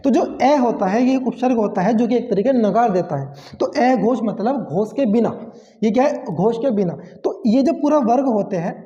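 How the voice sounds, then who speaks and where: A man's voice: very high-pitched, animated, normal speed, mellow. Man, teacher, classroom lesson, asks and answers himself, dull muffled sound. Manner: explains step by step, asks and answers own questions. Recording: dull sound with long hall reverb.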